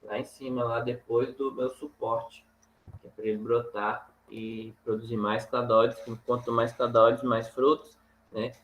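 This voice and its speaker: A man teaching a farming course over slides, talking in a halting way with many fillers and tag questions. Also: medium pitch, flat delivery, a little hiss or hum, poor audio. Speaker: agronomy instructor.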